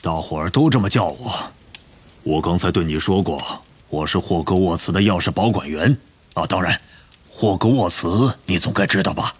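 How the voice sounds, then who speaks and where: A man voicing a huge, gruff, hot-tempered half-giant groundskeeper in an audiobook, with a rough voice and booming outbursts. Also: normal speed. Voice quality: gravelly, rough. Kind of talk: audiobook character reading.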